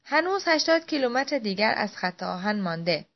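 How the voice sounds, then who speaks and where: A woman's voice: fairly high pitch, very animated. A blunt railway conductor, read by a woman narrator states the facts plainly and without apology. The recording sounds dull and lo-fi. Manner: matter-of-fact. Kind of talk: audiobook reading. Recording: dull lo-fi audio.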